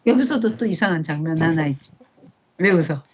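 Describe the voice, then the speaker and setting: A middle-aged woman leading a casual Bible study at home, speaking conversationally and checking in with quick rhetorical questions. Her voice sits low for a woman. It is captured on a dull, lo-fi recording. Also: animated.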